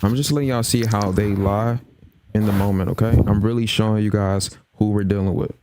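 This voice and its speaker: A man's voice: fairly low pitch, fairly even intonation, fairly quick, noisy background. A man hosting a heated live debate, cutting in often and repeating himself to take control. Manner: forceful, interrupts and repeats himself. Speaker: host of a live debate stream.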